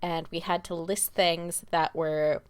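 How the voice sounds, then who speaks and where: A woman with a fairly low voice co-hosts a podcast from home. She chats casually and tells stories at length, breaking into laughter often. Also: level tone, slow pace, smooth. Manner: chatty storyteller, laughs often. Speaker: podcast co-host. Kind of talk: casual chat.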